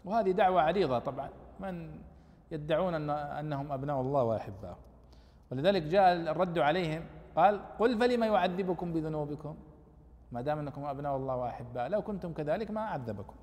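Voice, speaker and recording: A man's voice: a little high, animated, fast talker, darkish tone, big-room sound. A man teaching a lesson on Quran commentary, explaining the text and raising his voice with emphasis on quoted verses.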